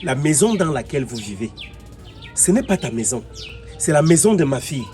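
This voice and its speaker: A man's voice: fairly high pitch, big pitch swings, brisk, darkish tone, faint music behind. A man with a Cameroonian French accent playing an impatient father who answers curtly and defensively. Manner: curt, defensive, insistent. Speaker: father in a comedy web series. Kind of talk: comedy web series acting.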